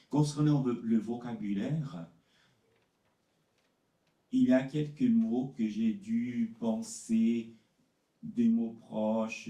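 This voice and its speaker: Slow, halting man. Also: fairly low pitch, warm tone, echoey room, distant mic, poor audio. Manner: slow and halting, many repeated words and fillers. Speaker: literary translator presenting his work. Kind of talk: conference talk answering questions.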